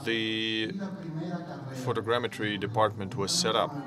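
Man presenting at a conference, fairly low voice, slow halting delivery, audience murmur behind. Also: level tone, over a noisy crowd. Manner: slow and halting, with many pauses. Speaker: conference speaker.

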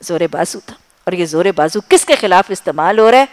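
A woman preacher giving an impassioned sermon, building rhythmic lists of short phrases and dropping to soft, low asides. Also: expressive. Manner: swings between loud emphasis and soft low asides. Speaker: Islamic preacher.

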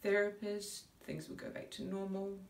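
Dramatic monologue: actress as bewildered grieving mother, middle-aged, searching soliloquy, creaky voice, long gaps, distant roomy recording. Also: mid-range voice, monotone, a little hiss or hum, natural voice. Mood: subdued, searching. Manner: searching soliloquy, halting with long pauses, groping for words. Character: grieving mother recalling her daughter's decline, subdued and bewildered. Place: indoor room before a curtain, recorded from a few feet. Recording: roomy echo, distant microphone.

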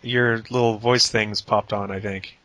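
A man's voice: lowish voice, fairly even intonation, measured pace, a bit bright, rough recording. A man hosting a casual gaming podcast, laughing off his own flubs and retakes. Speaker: podcast host.

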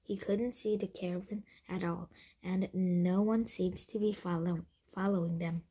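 A woman reading a children's chapter book aloud, in a soft, half-whispered manner that stumbles and restarts. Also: fairly low pitch, fairly even intonation, a little slow, slightly rough. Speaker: reader.

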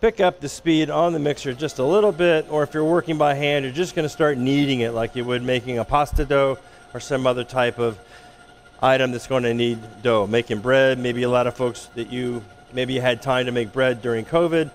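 A man working as a chef instructor, giving a relaxed, explanatory cooking demonstration in an instructional kitchen. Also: medium pitch, a little fast, slight background noise. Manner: relaxed, explanatory, with frequent restarts.

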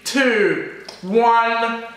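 A man's voice: very high-pitched, very slow, noisy background. A young man talking casually to camera as a food challenge vlogger. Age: young adult. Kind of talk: casual vlog talk to camera. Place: home kitchen, indoors. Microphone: camera a few feet away. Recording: echoey room, distant camera mic, music behind.

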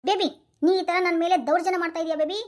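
A woman's voice: very high-pitched, fairly even intonation, very fast. A woman acting out a whiny, henpecked young husband in a comedy sketch, pleading and repeating himself. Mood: sulky.

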